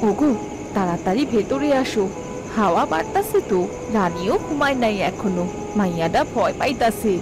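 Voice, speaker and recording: In a low-quality cartoon clip with background music, a woman voices an anxious, protective farmer's wife and mother who scolds and pleads in village speech. Her mid-range voice sounds natural, with lively intonation at a normal speed.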